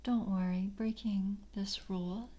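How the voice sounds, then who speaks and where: For an ASMR roleplay, a woman portrays a courteous, hungry coven vampire in a hushed, airy, mostly whispered voice with a soft, dark tone. Her delivery is slow, deliberate, formal and seductively intimate. Her voice is mid-range, natural and breathy, with fairly even intonation.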